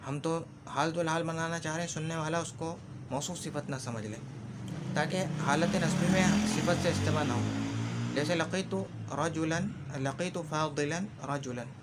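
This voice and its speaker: An Arabic grammar teacher gives a patient, explanatory lesson, repeating each example phrase again and again and pausing to check that the student follows. His voice sits a little high for a man and has some vocal fry, with a faint hiss running under the recording.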